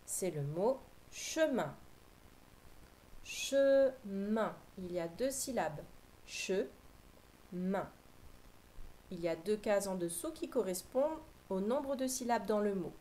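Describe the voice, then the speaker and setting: A woman teacher giving a slow, patient phonics lesson for young children, spelling out sounds clearly. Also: mid-range voice, animated, dark tone, slight background noise, low-quality recording.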